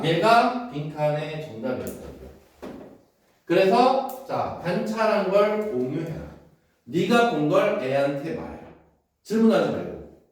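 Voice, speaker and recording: A man lectures a classroom of students on an English exam passage, his fairly high voice swinging lively up and down. He keeps checking that they follow and slips between polite and casual speech. He sounds set back from the mic, with heavy room echo around him. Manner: keeps checking understanding with quick questions. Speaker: English teacher. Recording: very echoey room from a distance.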